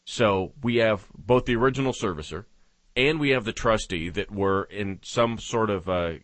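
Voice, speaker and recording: Low-voiced male talk radio host, dry sound. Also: normal speed, dry recording. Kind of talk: unscripted talk radio monologue.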